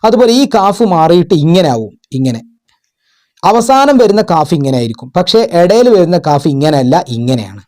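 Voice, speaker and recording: Man, tutor, patient, repeats himself, raised pitch, mellow tone. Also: very animated, normal speed. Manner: patient, repeats and asks questions. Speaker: madrasa tutor. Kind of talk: explaining exam answers.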